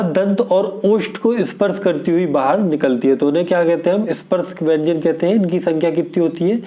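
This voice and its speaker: A man's voice: high voice, warm tone. A man teaching an exam prep lesson, going through questions steadily and asking and answering his own questions.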